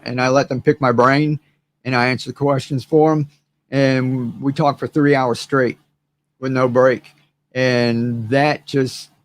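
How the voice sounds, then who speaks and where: A hoarse, medium-pitched man runs a gardening channel, rambling casually to his livestream viewers with lots of fillers and repeated words.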